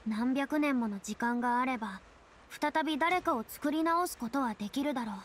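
Over game music in a studio recording with a slight hiss or hum, a high-pitched actress plays a retired star in an anime-style game: a haughty, dramatic young woman who uses boyish self-reference. She speaks at a moderate pace, close to an everyday voice, in a resolute and wistful mood.

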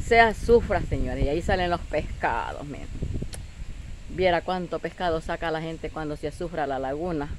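A Salvadoran woman filming herself outdoors at her rural home on a windy day, talking casually to her viewers and urging them again and again to look. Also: fairly low pitch. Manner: chatty, keeps calling on viewers to look, with frequent "¿verdad?". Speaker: vlogger.

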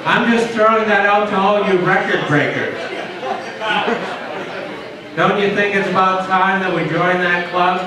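A high-voiced man in his thirties performs stand-up on a dark, small pub stage, holding a handheld mic and delivering jokes slowly and deadpan with asides to the crowd. The echoey pub is heard from a distance, with the audience chattering and laughing.

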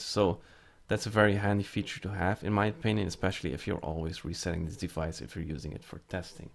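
A man's voice: deep voice, vocal fry. A man giving a casual step-by-step screen-recorded tech tutorial, explaining as he types commands with frequent fillers. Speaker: network tutorial presenter.

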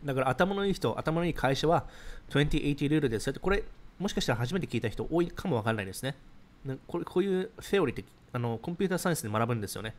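A man's voice: on the high side, lively intonation. A man in his thirties hosting a casual livestream, reading viewer comments aloud and answering them in a chatty, explanatory way. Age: 30s. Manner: rapid, chatty, explains ideas while reacting to comments.

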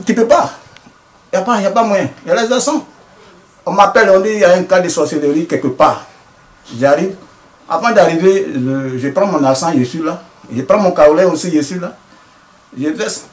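A man explains his work as a traditional healer, his voice sitting a little high. He talks earnestly and often breaks off to restart his sentences. The recording carries a clear echo from the room. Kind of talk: interview answers.

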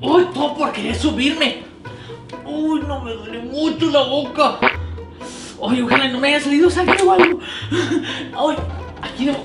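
A man's voice: very high voice, measured pace. A man playing a silly, greedy, childlike clown in a children's slapstick sketch, whiny and full of exclamations. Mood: whining, hurt. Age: young adult. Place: tiled living room and kitchen at home. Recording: roomy, loud music over voice.

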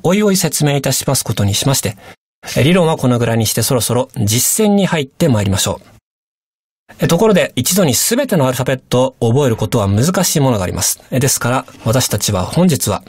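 Here the patient, polite male teacher speaks briskly with a breathy edge, his intonation lively and animated. It's a radio language lesson, recorded dry and close-up.

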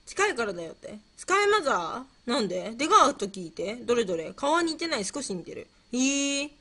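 A bright, lively woman streamer, her voice on the high side and fairly quick, hosts a laid-back livestream where she answers quiz questions and reads out viewer comments. She's playful and scatterbrained, musing aloud and saying things more than once.

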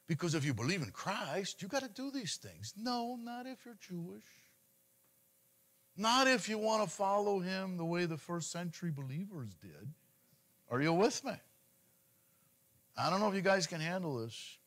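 A man's voice: sits high, moderate pace, long pauses. A middle-aged man preaching a sermon to his congregation in a conversational style, often repeating words as he goes. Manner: animated, conversational preaching with frequent repetitions. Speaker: congregation leader.

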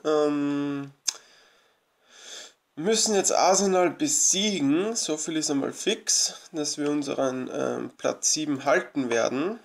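Gravelly-voiced young man narrating gameplay. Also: a little high, slow. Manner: chatty, rambling, many fillers and restarts; grateful, eager. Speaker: let's play host. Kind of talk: casual gameplay commentary.

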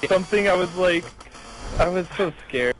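A man's voice: high voice, lively intonation, normal speed, over a noisy crowd. Scared, stammering male horror game streamer. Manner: scared, breathless exclaiming, stammering. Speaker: gamer in an online co-op game. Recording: noisy game stream voice chat.

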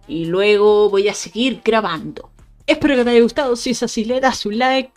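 A gaming YouTuber with a Spain Spanish accent and a voice on the high side offers casual, playful commentary as she plays a video game. She teases enemies and addresses her viewers directly.

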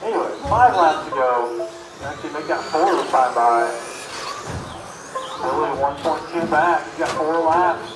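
A man announcing a remote-control car race, calling laps, gaps and positions in brisk play-by-play. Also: a little high, over music. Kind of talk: live race commentary. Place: indoor RC raceway. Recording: echoey indoor track with loud cars.

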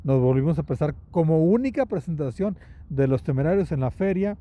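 Chatty man, mellow voice. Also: on the high side, animated, brisk, far from the mic. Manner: chatty, frequent restarts and tag questions. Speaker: host, former band member revisiting an old venue. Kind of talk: casual on-location chat.

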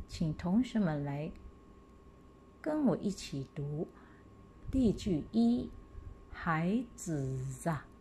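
A woman teacher from Malaysia, reading example words slowly and clearly for pupils to repeat. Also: medium pitch, mellow, a little hiss or hum. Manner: slow, drawn-out model reading for pupils to repeat. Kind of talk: slow classroom pinyin lesson.

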